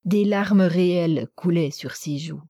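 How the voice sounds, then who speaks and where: A woman's voice: on the low side, measured pace, dark tone, no echo, studio quality. A woman narrating a novel as an audiobook, reading evenly and steadily.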